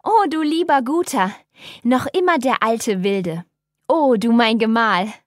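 A woman's voice: fairly high pitch, animated, moderate pace, no echo, clean studio sound, voice pushed up, close to an everyday voice. Woman doing a gushing older countess. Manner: gushing, breathless.

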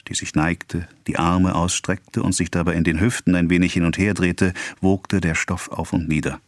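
Deep male narrator, steady measured read, dry booth sound. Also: no room sound. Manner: even, measured reading. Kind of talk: scripted audiobook narration.

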